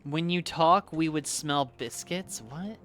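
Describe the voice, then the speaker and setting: Over soft background music, a woman with a low, fairly bright voice takes it slowly as she games live. She has a slight Southern US accent and rambles to her chat, swearing freely and laughing easily.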